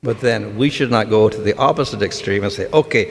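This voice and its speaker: A man giving a scripture lecture in a measured way, pausing between phrases. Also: fairly low pitch, creaky. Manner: measured, with short pauses. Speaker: spiritual teacher. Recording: reverberant hall with faint noise.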